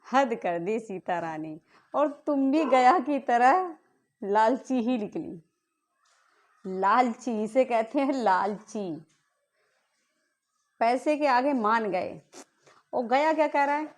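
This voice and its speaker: Indignant high-voiced woman ranting. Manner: indignant, accusing, repeated rhetorical questions. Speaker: vlogger. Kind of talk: angry family-dispute rant to camera.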